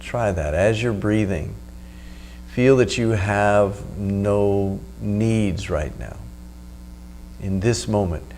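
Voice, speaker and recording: Low-voiced man teaching meditation over background hum. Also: creaky, darkish tone. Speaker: meditation teacher and video host. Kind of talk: spoken meditation instruction.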